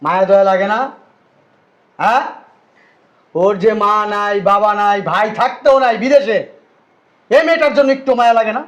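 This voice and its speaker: A man's voice: sits high, moderate pace, pauses often, muffled recording, lightly acted. A man with a Bangladeshi Bengali accent playing a furious brother back from twenty years abroad, scolding with angry rhetorical questions. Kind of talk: amateur short drama acting.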